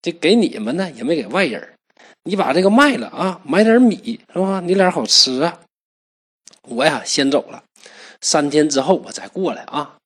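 A man's voice: on the high side, animated, normal speed, fairly bright tone, breathy edge, pitched above the performer's own voice. A man voicing a kindly old female fox spirit who sighs and coaxes in a storybook tale. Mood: sighing. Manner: sighing, coaxing.

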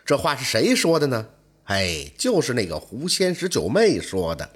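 Male storyteller, middle-aged, husky, very expressive, colloquial tale-telling. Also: medium pitch, normal speed. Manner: animated, colloquial storyteller's delivery. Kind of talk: folk tale storytelling narration.

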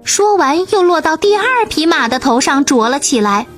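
Woman storyteller, high pitch, expressive children's narration over faint music. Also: moderate pace. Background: soft music.

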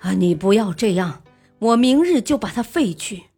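A woman's voice: mid-range voice, animated, normal speed, mellow, breathy edge, soft background music. A woman voicing an indignant young emperor. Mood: angry. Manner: indignant, vowing. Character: weak young emperor, man, easily angered.

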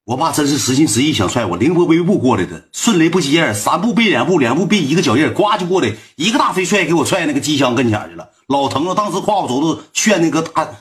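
A young man with a Northeast Chinese accent, telling a story to his viewers in a slangy, swearing, animated way with lots of repeated asides. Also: a little high, fast, hardly any pauses. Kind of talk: storytelling to a livestream audience.

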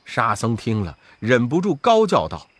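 A man telling a children's story in an expressive, sing-song way. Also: mid-range voice, normal speed, no echo.

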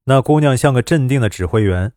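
Expressive male storyteller, lively pitch. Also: fairly quick, no echo, clean studio sound. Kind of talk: scripted story narration.

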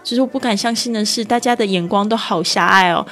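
A woman teaching English vocabulary, slowing down to read phrases and spelling words letter by letter. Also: medium pitch, fairly bright tone, faint music behind.

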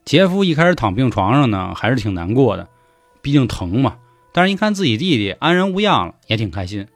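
Male storyteller with a Beijing accent, lively colloquial delivery, dry close podcast sound. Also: mid-range voice, fairly quick, no echo, faint music behind. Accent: Beijing Mandarin. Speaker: urban legend storyteller.

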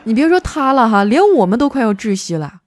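Animated chatty woman telling funny stories. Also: fairly high pitch, fairly quick. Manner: chatty, playful, acts out quoted coworkers. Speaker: host. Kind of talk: comic storytelling monologue. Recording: faint background music.

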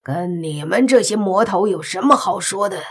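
This is a self-righteous old Taoist priest, voiced by a woman in a storybook reading. He scolds loudly in lofty, archaic phrases, and his voice is husky and a little breathy. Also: mid-range voice, lively intonation, normal speed. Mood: scolding.

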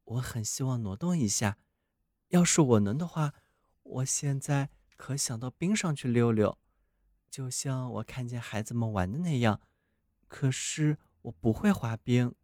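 A man's voice: mid-range voice, animated, a little slow, mellow, dry recording, clean studio sound, natural voice. A man voicing a naive newly built snowman who wonders about the sun and moon. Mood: wistful. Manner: wondering, boastful then wistful.

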